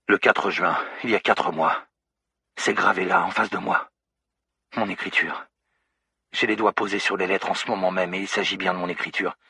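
A man voicing a lost, amnesiac young woman recording a halting, introspective voice diary in an audiobook. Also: sits low, pushed and bright, husky, dry recording, clean studio sound, pitched above the performer's own voice, exaggerated voice. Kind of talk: audiobook character voice.

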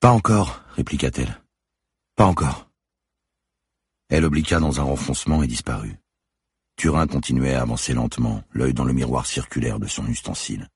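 A man reading a suspense novel aloud in measured, deliberate narration. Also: extremely low pitch, fairly even intonation, darkish tone, slightly rough, no room sound, studio quality. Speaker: audiobook narrator. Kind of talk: scripted narration.

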